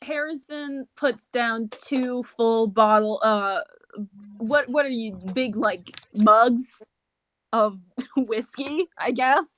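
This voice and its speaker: Relaxed woman running a tabletop game. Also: fairly high pitch, takes it slowly. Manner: relaxed, hesitant, often laughing. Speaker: game master.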